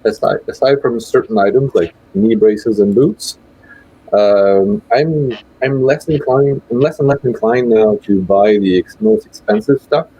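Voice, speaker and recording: A man's voice: on the low side, a little slow, warm tone, husky, rough recording. A man from Switzerland giving his views in a casual live chat, hesitant and full of restarts. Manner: hesitant, many restarts and filler sounds. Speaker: guest rider on a live chat show.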